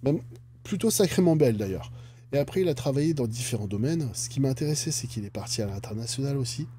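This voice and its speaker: A man talks through a company's stock analysis in a casual, chatty way and keeps adding jokey asides. His voice is mellow and somewhat dark. A faint hum sits under the recording. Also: mid-range voice, lively intonation, quick pace. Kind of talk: casual finance commentary.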